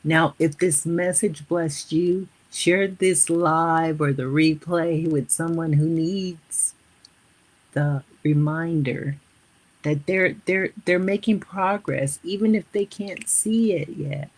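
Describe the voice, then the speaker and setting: On her live motivational stream, a woman of fifty-plus addresses the audience as family and has them repeat affirmations at a slow pace. Her voice is deep and steady, darkish, with a breathy edge.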